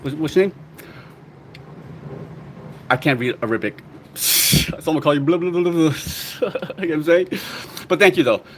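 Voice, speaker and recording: A man's voice: fairly high pitch, normal speed, pauses often, slight background noise. A young man from Long Beach, California, telling loose slangy stories on a casual livestream, laughing often.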